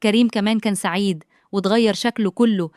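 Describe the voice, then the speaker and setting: A woman's voice: mid-range voice, fairly even intonation, fast, darkish tone, no room sound, studio quality. A woman with an Egyptian accent narrating a first-person audio story in a confessional way. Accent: Egyptian Arabic.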